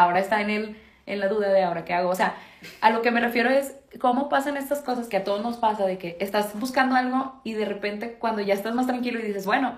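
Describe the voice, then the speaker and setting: Fast-talking Mexican woman, chatty. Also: mid-range voice. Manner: rambling storyteller, heavy on fillers. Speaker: podcast co-host. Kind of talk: casual chat. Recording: roomy echo.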